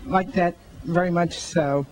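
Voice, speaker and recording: A woman's voice: lowish voice, fairly even intonation, a little slow, a little mellow, soft background music, poor audio. An older woman speaking in a friendly, earnest way into a handheld mic in a shopping mall. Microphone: handheld mic held by interviewer.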